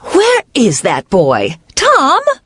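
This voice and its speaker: A woman's voice: high-pitched, wildly swooping pitch, extremely slow, a bit bright, husky, dry recording, full character voice. A woman voicing an older woman who calls out, searching for a missing boy. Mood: calling. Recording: played-back audio clip with music.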